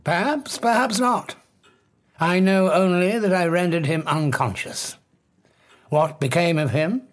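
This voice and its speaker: An actor with a British accent playing a proud, haunted fugitive scientist, theatrical and formal, in an audio drama. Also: male voice, sits high, a little slow, soft background music. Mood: coolly defiant.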